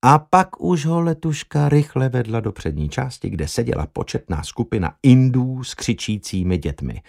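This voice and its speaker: A man reading an audiobook aloud with wry, expressive storytelling. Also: medium pitch, gravelly. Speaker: audiobook narrator. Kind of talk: scripted narration.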